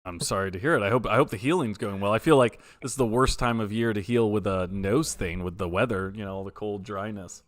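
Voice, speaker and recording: A man's voice: fairly low pitch, fast, hardly any pauses, no echo. A man hosting a livestream, interviewing casually in an effusive, informal way with rambling questions. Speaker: livestream host.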